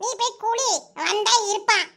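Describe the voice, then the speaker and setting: Lady voicing a naggy old cartoon mom, super high and gravelly, kanyakumari tamil accent, bright edge. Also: normal speed, full character voice. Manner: scolding, nagging. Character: fussy protective village mother, older.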